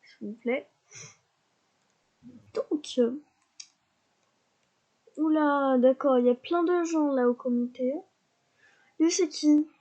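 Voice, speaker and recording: A woman casually commentating her life-simulation gameplay, chatty and excitable, talking to her characters, sniffly from a cold. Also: high-pitched, slow pace, pauses often, dull audio. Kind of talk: casual let's-play commentary.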